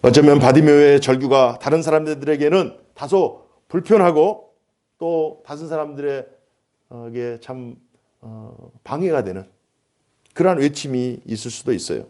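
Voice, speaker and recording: A man's voice: fairly high pitch, measured pace, mellow. A man preaching a sermon as pastor in a church, driving his points home with repeated, building phrases. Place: church sanctuary.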